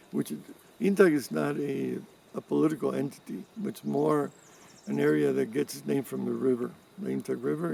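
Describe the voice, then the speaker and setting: A man in his seventies from Cuba, giving interview answers in a measured way with pauses and restarts. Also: mid-range voice, gravelly, mellow. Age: 70s. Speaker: interviewee, environmental activist. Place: rural farm in mountains. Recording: distant mic with faint background noise.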